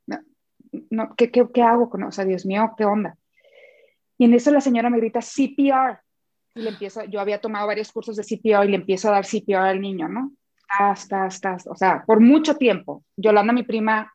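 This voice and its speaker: A woman's voice: medium pitch, dry recording. A woman telling a dramatic personal story as a guest, acting out what people said and often repeating words. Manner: animated, re-enacts dialogue, repeats words. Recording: muffled lo-fi sound.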